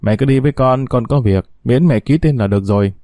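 A man reading a story aloud and voicing a grown son who fires sharp, accusing questions at his mother. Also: medium pitch, brisk, no echo, clean studio sound, lightly acted. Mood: firm.

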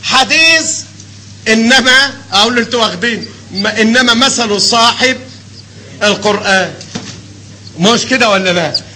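An older man with an Egyptian Arabic accent teaching a hadith class, animated and constantly quizzing his students with questions. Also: very high-pitched, moderate pace, pauses often, slight background noise, rough recording. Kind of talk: classroom lecture.

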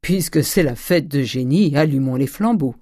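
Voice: medium pitch, lively intonation, moderate pace, warm tone, no room sound, clean studio sound, lightly acted. A reader voicing a miserly old former cooper who jokes in a folksy, blustery way. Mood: gruff banter.

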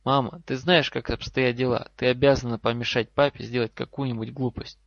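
A man's voice: medium pitch, level tone, fairly quick, fairly bright tone, no echo, natural voice. A man voicing a defiant clever schoolboy. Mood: insistent. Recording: slightly dull lo-fi recording.

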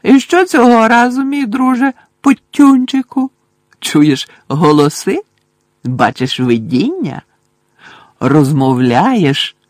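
A man voicing a mischievous male poltergeist who taunts in a mocking, drawn-out sing-song. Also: sits high, very animated, no room sound, studio quality, voice pushed up, heavily acted. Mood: taunting.

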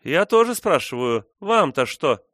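A man's voice: medium pitch, sing-song, normal speed, a bit bright, dry recording, studio quality, voice pushed up. A man reading the part of a spirited young woman in an audiobook, teasing and defiant. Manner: teasing, challenging.

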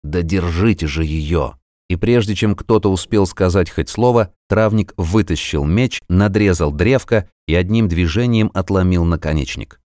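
A man narrating a fantasy novel as an audiobook in a measured, even storytelling manner. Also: low-pitched, dry recording, clean studio sound.

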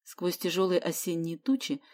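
A woman reading an audiobook in even, measured narration. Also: on the low side.

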